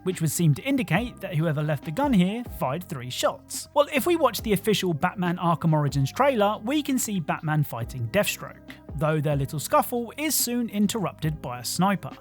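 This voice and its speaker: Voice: medium pitch, very animated, normal speed, hardly any pauses, soft background music. A host narrating a scripted video game countdown with wry, joking asides.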